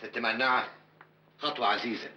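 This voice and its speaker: An actor playing a protective neighbor with an Egyptian accent, speaking firmly and reassuringly in a classic film. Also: male voice, medium pitch, fairly quick, background noise, natural voice. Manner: reassuring, firm, threatening on others' behalf. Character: protective neighbor man, tough and loyal. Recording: dull old film soundtrack.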